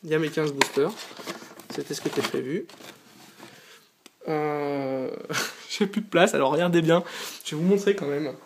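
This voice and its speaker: A man's voice: fairly high pitch, moderate pace, long pauses. A tired man hosting a casual unboxing vlog from a small sofa indoors, talking eagerly and stopping often to hesitate. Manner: eager, chatty, frequent hesitations. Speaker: channel host.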